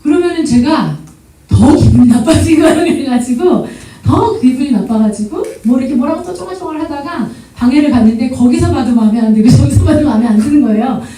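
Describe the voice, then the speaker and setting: A guest lecturer with a high, mellow voice gives a brisk seminar talk at church, telling stories with lively energy, often laughing and acting out quotes. She sounds distant from the microphone in a very echoey church hall.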